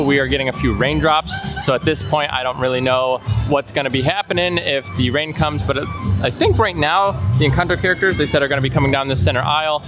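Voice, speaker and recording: An American man giving casual walk-around narration as a theme park vlogger, outdoors. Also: fairly high pitch. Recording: loud music behind.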